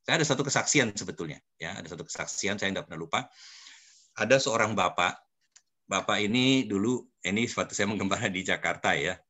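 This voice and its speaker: Older pastor with a bright low voice. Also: male voice, a little fast. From Indonesia. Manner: addresses listeners as "Saudara", storytelling. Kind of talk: church teaching talk with personal stories.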